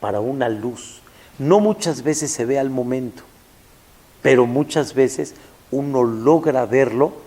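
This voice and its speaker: A rabbi with a Mexican accent giving a storytelling sermon, animated and asking rhetorical questions. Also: male voice, medium pitch, slow. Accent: Mexican Spanish.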